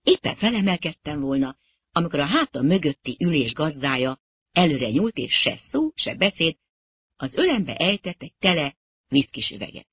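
A wry, expressive audiobook narrator. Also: mid-range voice, husky, no room sound. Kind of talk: first-person audiobook narration.

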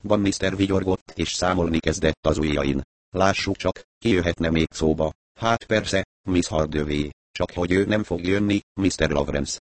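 A man reading a crime novel aloud as an audiobook narrator, in a calm, even storytelling manner, lightly acting out the dialogue. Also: deep voice, no echo.

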